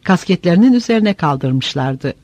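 A man narrating an audiobook in a steady, measured way. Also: sits high, no room sound, dull audio. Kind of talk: scripted narration.

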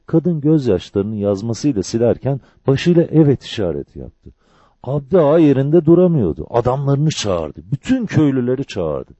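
A man reading a novel aloud as an audiobook narrator, with measured, expressive storytelling. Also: medium pitch, no room sound. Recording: dull lo-fi dry recording.

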